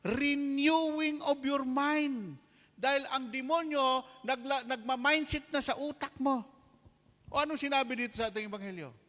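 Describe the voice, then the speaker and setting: A man giving a sermon as a lay preacher, preaching with animated call-and-response asides and acting out the anecdotes he tells. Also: very high voice, fairly quick, long reverb tail.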